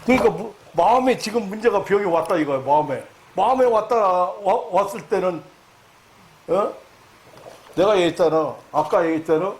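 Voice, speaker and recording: A man preaching a sermon lecture as a pastor, halting with fillers, then rising loud and high to stress his points. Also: expressive. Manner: halting, many fillers and restarts.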